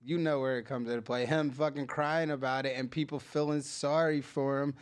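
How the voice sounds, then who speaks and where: A man's voice: medium pitch, fairly even intonation, a little fast, clean tone. Heated, cursing podcast man. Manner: profane, heated, trails off. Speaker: podcast co-host. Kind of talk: casual podcast chat.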